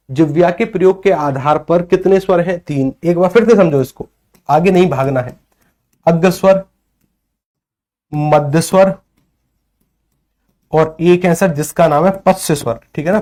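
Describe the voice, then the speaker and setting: A man's voice: on the high side, darkish tone. A man teaching a grammar class, who keeps asking questions and then answering them himself, and often checks whether the students are following. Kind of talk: classroom lecture.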